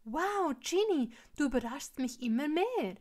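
A woman reading a story aloud and voicing an eager young woman in a bright, lively way. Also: sits high, normal speed, voice pushed up. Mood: cheerful.

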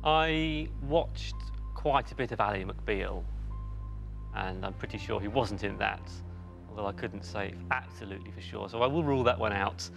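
A man in his forties, a quiz contestant in a TV studio, reasoning out loud with hesitant fillers. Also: lowish voice, normal speed, vocal fry, soft background music. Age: 40s. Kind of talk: thinking aloud on a quiz show. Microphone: lapel mic.

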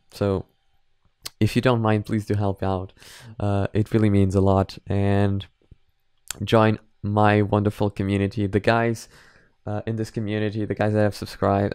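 A man in his twenties with a lowish, dark, clear and resonant voice hosts a reaction channel, chatting casually and repeating himself for emphasis. He sits close to a boom-arm microphone in a small room at home, with no room sound in the recording.

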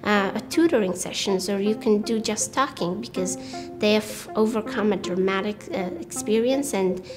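A young woman from Afghanistan, a student, speaking earnest English as a with some restarts, interviewed in a bright room. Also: mid-range voice, moderate pace, music in the background. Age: young adult.

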